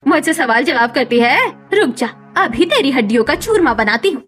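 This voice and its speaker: A woman's voice: high voice, very animated, moderate pace, fairly bright tone, faint music behind. A woman voicing a cruel old village mother-in-law in a cartoon story, harsh and taunting. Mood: harsh scolding.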